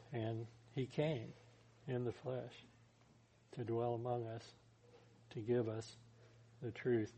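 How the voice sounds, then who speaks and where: A man's voice: medium pitch, mellow. A man preaching a sermon as a pastor, talking in a conversational way and putting scripture into plain everyday words.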